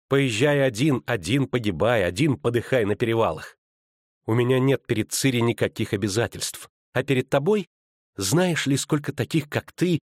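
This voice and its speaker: A man's voice: no room sound, clean studio sound, natural voice. A man voicing a proud, spurned sorceress woman who speaks with biting sarcasm in an audiobook. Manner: biting sarcasm, rising pitch. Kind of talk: audiobook character voice.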